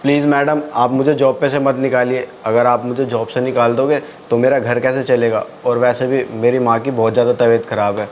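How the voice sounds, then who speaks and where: A man's voice: mid-range voice, level tone, brisk, few pauses, darkish tone, highs cut off, a little hiss or hum, lightly acted. A man playing a humble young driver who pleads politely with his employer. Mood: pleading. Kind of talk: amateur web drama acting.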